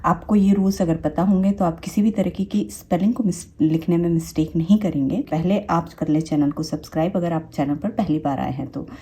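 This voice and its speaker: A woman, explaining English spelling rules slowly, with many pauses and fillers. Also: lowish voice, warm tone, husky. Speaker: English teacher.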